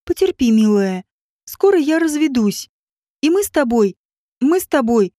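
Brief: woman narrator doing a high, shrill young woman, desperate and tearful, dark dry tone. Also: very animated, moderate pace, no echo. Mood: tearful accusing. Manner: shrill and pleading, breaking into sobs.

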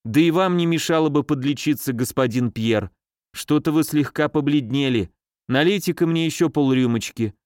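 A man's voice: normal speed, a little mellow, no room sound, studio quality, lightly acted. A man reading an audiobook, voicing a fussy, easily frightened middle-aged woman nurse who talks in a mincing, scolding way. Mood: chatty. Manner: mincing, scolding, shrill when scared.

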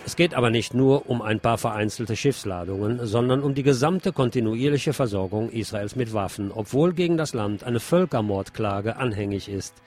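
A medium-pitched man with a darkish tone reads scripted news on community radio, soft music playing in the background. His reporting is measured, with the odd dry aside.

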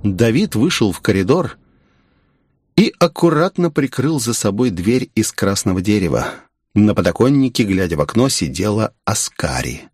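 A man narrating a fantasy audiobook in an even, measured storytelling tone. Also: fairly low pitch, slightly rough, no echo. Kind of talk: scripted narration.

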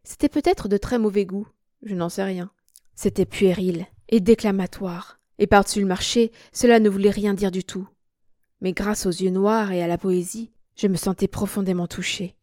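A woman narrating a literary story as an audiobook, in a measured, expressive reading. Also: mid-range voice, dry recording, clean studio sound. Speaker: audiobook reader.

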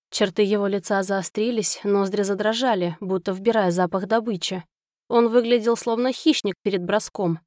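Woman reading a fantasy audiobook, dry close sound, medium pitch, dramatic delivery. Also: darkish tone, no echo. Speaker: audiobook narrator. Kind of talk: scripted first-person audiobook narration.

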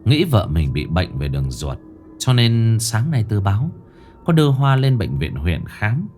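A male storyteller narrates a horror tale in a low voice. His delivery is animated and dramatic, with a wide, swinging pitch. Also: measured pace, faint music behind. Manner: lively, dramatic reading.

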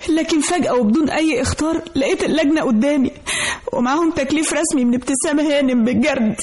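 A woman's voice: sits high, fast talker, a little mellow, close to an everyday voice. An actress with an Egyptian accent playing a young woman employee wrongly accused in a radio drama, sounding distraught and pleading. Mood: panicked.

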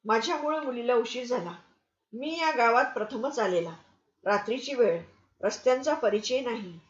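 A kind, generous traveling gentleman, as a woman reader puts him on, gentle and affectionate in manner. The voice stays near the reader's own, a little high. Heard through a dull, lo-fi storybook recording. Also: moderate pace, lightly acted.

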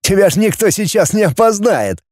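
A bantering young man cracks jokes in a lively, pitch-swinging voice, voiced by a male narrator. The tone is warm-dark and dry in this storybook reading. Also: brisk, no echo. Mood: teasing. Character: joking, teasing young man.

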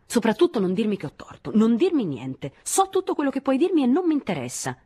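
A woman reading an audiobook, voicing an angry, sharp-tongued young woman who lashes out with biting remarks. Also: very animated, brisk, slightly rough, dry recording. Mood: shouting. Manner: aggressive, shrill outbursts.

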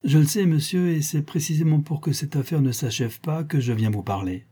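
A man's voice: fairly high pitch, fairly quick, mellow, slightly rough, pitched above the performer's own voice. A man voicing a stern aristocratic father, a baron, who speaks in a commanding, reproachful way.

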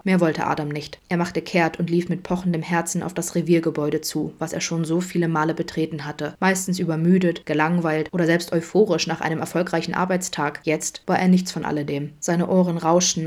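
Low-voiced woman reading a story. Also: darkish tone. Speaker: podfic reader. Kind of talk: audiobook narration of a fan story.

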